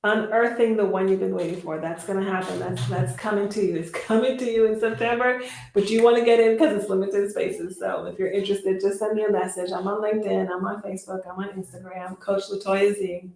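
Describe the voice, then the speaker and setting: A woman hosting a casual live-stream chat as an energy healer, speaking in effusive, drawn-out phrases. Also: medium pitch, little pitch movement, gravelly, darkish tone. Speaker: host and Reiki energy healer. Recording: echoey room with faint noise.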